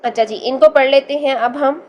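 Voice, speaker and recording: Woman, Quran reading teacher, Pakistani Urdu accent, patient drawn-out drills, slightly high voice. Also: lo-fi sound. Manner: patient, drawn-out syllable drills with frequent "theek hai" checks. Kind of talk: recorded online lesson.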